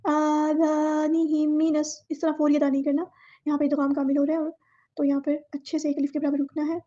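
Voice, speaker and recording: A woman gives a step-by-step recitation lesson, explaining each sound and then reciting it slowly. Her voice sits high and stays fairly level, with a soft, mellow tone. The recording sounds somewhat dull and lo-fi. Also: little pitch movement. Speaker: Quran recitation teacher. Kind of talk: word-by-word tajweed lesson.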